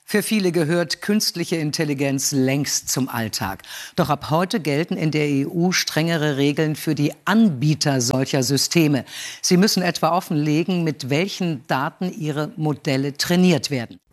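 A male news anchor with a fairly high voice reading a bulletin. His delivery is crisp and formal. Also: moderate pace.

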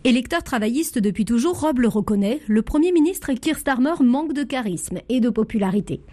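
A woman correspondent narrating a scripted radio news report in an even, composed way. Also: fairly high pitch, fairly quick.

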